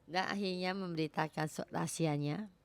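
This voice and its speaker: A woman preaching a sermon in a halting way, repeating words for emphasis. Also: lowish voice, steady tone.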